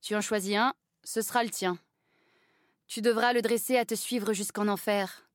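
A woman's voice: mid-range voice, fairly even intonation, normal speed, no room sound, studio quality, natural voice. A woman reading an audiobook and voicing a cold, commanding aristocratic countess who speaks in a stern, clipped way.

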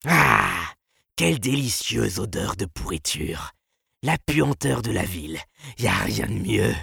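A man's voice: fairly low pitch, big pitch swings, unhurried, vocal fry, sharp tone, breathy edge, no echo, clean studio sound, exaggerated voice. A man voicing a spry, wrinkled hunchbacked dwarf who speaks with gleeful relish.

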